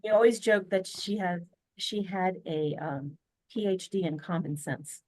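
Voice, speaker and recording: This American woman's voice is fairly low and darkish, her pace measured, with no echo in the audio. As a podcast guest on a video call, she shares a family story earnestly and chattily, often restarting and using fillers.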